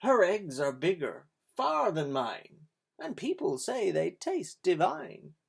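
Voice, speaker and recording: A plump farmyard hen coaxes the robbers in a lively, husky voice, as a reader puts her on. Her phrasing rises and falls in sing-song rhyme. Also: medium pitch, slow pace, full character voice. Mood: coaxing. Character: plump red hen, clever and persuasive.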